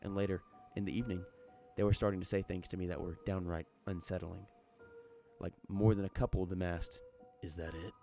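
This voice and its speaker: A man's voice: low voice, little pitch movement, brisk, creaky, dark tone, soft background music. A man reading a horror story aloud in a folksy, chatty storytelling manner. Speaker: narrator.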